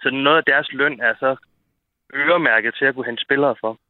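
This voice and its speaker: A man's voice: medium pitch, dry recording. Male coach guest on a phone line, dry, stop-start delivery full of fillers. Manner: hesitant, many fillers and restarts. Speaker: amateur football coach, guest. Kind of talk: radio phone-in interview. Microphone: telephone.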